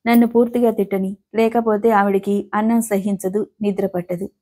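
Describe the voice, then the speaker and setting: A woman's voice: mid-range voice, level tone, normal speed, close to an everyday voice. Woman reading as a bitter young widow. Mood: bitter, angry. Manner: sharp, accusing.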